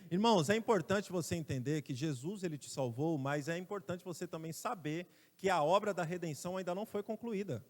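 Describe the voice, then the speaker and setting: Brazilian male pastor, high voice, emphatic sermon delivery, long church reverb. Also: brisk, few pauses. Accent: Brazilian Portuguese. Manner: emphatic preaching, has the congregation repeat phrases after him. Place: church sanctuary.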